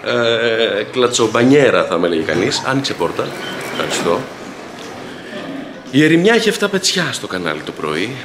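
A video editor at a TV station vlogs his workday on a handheld camera, chatting casually with playful, joking asides as he walks to the control room. His voice is fairly low and sing-song, with long pauses and a noisy background.

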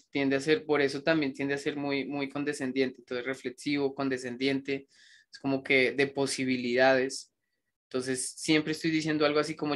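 Man teaching English grammar, slow dictation. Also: mid-range voice, fairly bright tone. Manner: switches between explaining and slow dictation of examples; reflective, rambling asides. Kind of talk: online grammar lesson.

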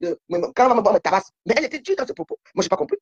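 Husky woman talking very fast. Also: on the high side, big pitch swings, a little mellow, dry recording, muffled recording. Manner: heated, repetitive complaining. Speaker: guest on a live stream. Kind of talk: casual live-stream chat.

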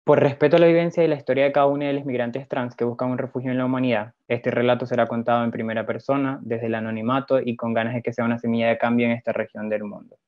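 A man narrating a slide presentation in a measured, hesitant way, pausing with fillers, recorded as a lo-fi voice-over. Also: mid-range voice, flat delivery, dry recording. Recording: dull, lo-fi, dry voice-over.

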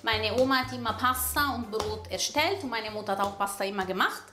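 A woman from Naples in her thirties, speaking German, talks earnestly and passionately about making pasta. Her voice sits a little high. She is in a small, echoey shop kitchen with music underneath. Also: brisk. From Naples, Italy. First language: Italian.

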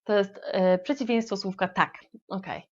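A woman's voice: medium pitch, moderate pace, a little mellow, muffled recording. A woman teaching English vocabulary in a playful, affectionate manner, with frequent hesitation fillers. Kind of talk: lively language lesson.

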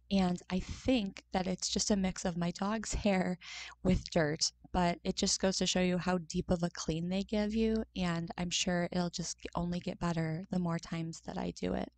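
A woman's voice: lowish voice, a little mellow, no room sound. A young woman chatting casually in voice-over about cleaning her home. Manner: chatty, easily disgusted, upbeat. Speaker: cleaning vlogger.

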